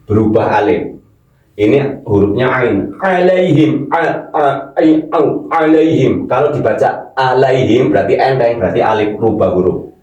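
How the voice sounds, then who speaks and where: A man teaching Quran recitation, slowly repeating syllables and correcting pronunciation. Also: medium pitch, lively intonation, a little mellow, very echoey, distant mic, dull audio. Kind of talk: recitation lesson.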